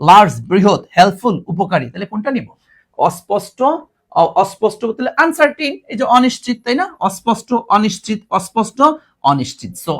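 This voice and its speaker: Brief: young male tutor, high bright voice, very animated delivery, live exam-prep class, keeps checking in with students. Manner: animated, coaxing students with repeated questions; mixes English phrases into his explanation. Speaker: English teacher. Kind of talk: live online admission-prep lesson.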